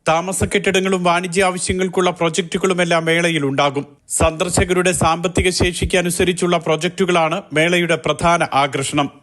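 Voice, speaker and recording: A man reading a news report in an even, formal scripted narration. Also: sits high, normal speed.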